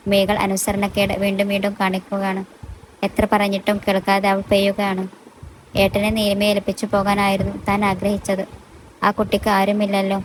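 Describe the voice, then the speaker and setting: A woman narrating a romantic story in a steady, even reading voice. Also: mid-range voice, background noise.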